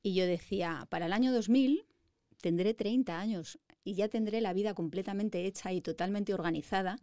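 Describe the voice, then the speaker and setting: A woman's voice: medium pitch, brisk, dark tone, dry recording, clean studio sound. Confident Spanish woman in her fifties. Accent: Madrid Spanish. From Spain. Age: 50s. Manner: confident, articulate storytelling. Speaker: guest, lawyer. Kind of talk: interview conversation.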